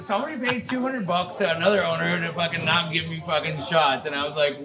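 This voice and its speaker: A man's voice: a little high, fast, a crowd in the background. A young man hosting a casual podcast over beers, rambling with many restarts, swearing and laughing. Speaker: podcast host.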